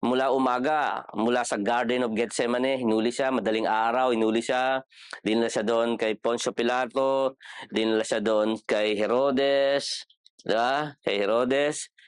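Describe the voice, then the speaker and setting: A man's voice: medium pitch, steady tone, unhurried, clear, resonant tone, dry recording, studio quality. Chatty Filipino man teaching a Bible class. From Philippines. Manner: chatty, asks the class questions, jokes, code-switches. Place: church classroom.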